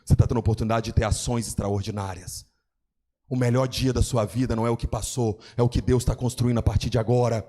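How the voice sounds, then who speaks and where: A man preaching a sermon as pastor, building fervently into shouts. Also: mid-range voice, fairly even intonation, fast.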